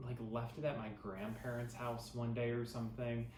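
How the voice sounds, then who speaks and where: A man of mid pitch chats through a sitcom recap with lots of filler words and quick asides. His voice bounces around an echoey room, with a faint hum of ambience underneath. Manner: rambling, animated retelling with filler words. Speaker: podcast co-host. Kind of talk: casual chat recapping a sitcom.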